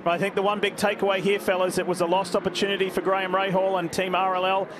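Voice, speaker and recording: A man's voice: high voice, flat delivery, quick pace. A man giving live motorsport commentary as lead announcer, with a dramatic, urgent play-by-play delivery. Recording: loud engine roar behind. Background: race cars and track noise.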